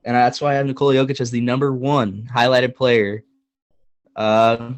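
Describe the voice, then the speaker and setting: A young man co-hosting a casual sports podcast, talking in an animated, joking way and hammering points with repetition. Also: medium pitch, moderate pace, no echo. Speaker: podcast co-host.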